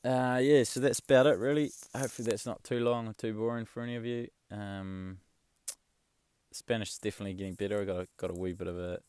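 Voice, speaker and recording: A young man chatting casually in a vlog, rambling and relaxed, swearing offhand. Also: on the low side, fast talker, clear, resonant tone, dry recording. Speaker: travel vlogger. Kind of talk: casual chat.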